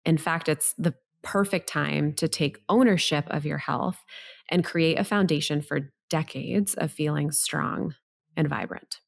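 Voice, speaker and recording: A woman's voice: low voice, unhurried, gravelly. A middle-aged woman hosting a health podcast with upbeat, tidy advice-vlogger delivery, encouraging and organized as she speaks straight to the listener.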